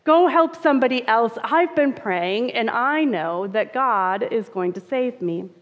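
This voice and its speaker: A woman's voice: a little high, animated, unhurried. A woman voicing a stubborn, overly faithful man stranded on a roof, protesting insistently. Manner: insistent, raised pleading protest. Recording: reverberant, dull church sound.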